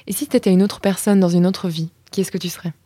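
A woman hosting a podcast, asking a guest friendly, measured questions. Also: lowish voice, steady tone, mellow, no echo. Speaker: podcast host. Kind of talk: interviewing a guest.

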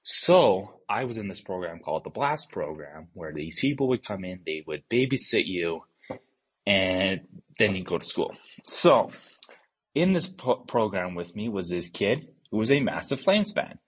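Husky man telling a story on a voicemail. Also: low voice, sing-song, a little slow, rough recording. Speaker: voicemail caller.

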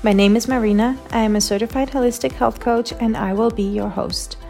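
A woman's voice: a little high, steady tone, a little fast, creaky, darkish tone. A woman podcast host giving the scripted opening of her show in an upbeat, welcoming announcer manner. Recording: podcast intro with faint music bed.

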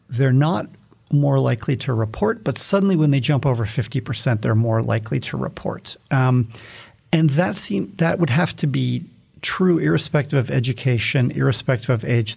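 A man's voice: medium pitch, vocal fry, a little mellow, slightly rough. A man as a guest expert, explaining research findings in an analytical, careful way, often repeating words. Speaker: economist guest. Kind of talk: conversational expert commentary.

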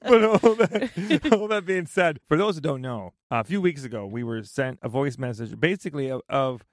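A woman's voice: low-pitched, animated, moderate pace, no echo, studio quality. A woman hosting a home-repair advice podcast, chatting casually in a playful, joking, self-teasing way. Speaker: podcast host.

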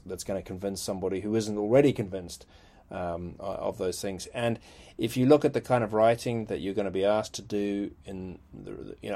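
A man who teaches at a university, speaking in a measured way with fillers and repeated words in a casual chat about courses. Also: lowish voice, dark tone. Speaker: university lecturer. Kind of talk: casual podcast discussion of course lectures.

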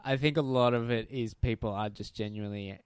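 Inquisitive mid-pitched man. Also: fairly even intonation, a little fast, clean tone. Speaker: first-time podcast guest. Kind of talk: casual chat.

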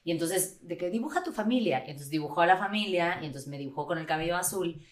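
A woman in her thirties with a Mexican accent, chatting as a podcast guest and telling lively stories with acted-out quotes. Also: on the low side, quick pace. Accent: Mexican Spanish. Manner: animated storyteller, acts out quotes, laughs often. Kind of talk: casual chat.

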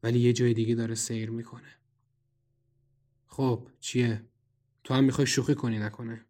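A man's voice: mid-range voice, little pitch movement, a little mellow. Man narrating a tense horror story. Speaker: narrator and writer. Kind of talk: first-person horror audio drama narration.

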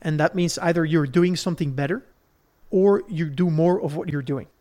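This podcast host is a Belgian man whose voice sits fairly high. Speaking at a moderate pace with a warm tone, he teaches in a chatty way, layering points gradually and frequently making sure the audience keeps up.

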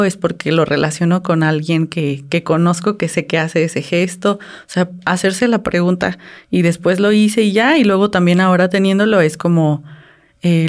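Woman in her thirties, low voice. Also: a little mellow. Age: 30s. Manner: reflective, asks herself questions. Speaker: podcast co-host. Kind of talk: casual podcast chat.

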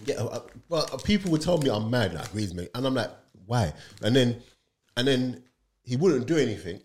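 A man, co-hosting a casual football podcast, animated and talking over his co-host. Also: medium pitch, brisk, slight background noise.

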